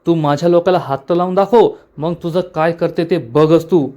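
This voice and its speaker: A man voicing an angry village mother who defends her son in a sharp, indignant tone. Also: a little high, steady tone, normal speed, lo-fi sound, lightly acted.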